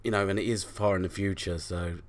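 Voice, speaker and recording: A British man with a hoarse, sore-throated voice, chatting casually and bluntly with plenty of swearing as he hosts a gaming show. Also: low voice, steady tone, fairly quick. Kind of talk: casual banter over gameplay.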